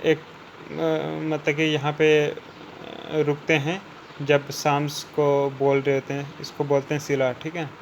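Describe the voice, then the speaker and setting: A man teaching English vocabulary, explaining each word in Hindi. He keeps checking with "theek hai na" and slows down to read out the English definitions. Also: a little high, completely flat delivery, dull audio, slight background noise. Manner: repeats "ठीक है ना" after each point, slows down for English definitions.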